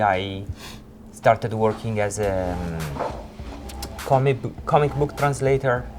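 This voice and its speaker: This is a fortysomething Italian man, a creative director with an Italian accent, describing his working life during an informal interview. His pitch sits in the medium range, and his phrasing is halting and unsure.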